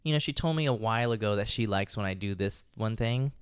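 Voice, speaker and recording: Young male podcast co-host, low-ish and relaxed, candid and chuckling, dry studio sound. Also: fast, smooth, no echo. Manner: laid-back, candid, chuckling. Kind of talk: casual chat.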